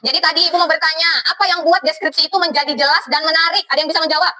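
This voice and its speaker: A woman's voice: very high-pitched, fairly even intonation, rapid-fire, sharp tone, a little hiss or hum, poor audio. A woman with an Indonesian accent teaching a class in a classroom, encouraging students and mixing English phrases into her speech. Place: school classroom.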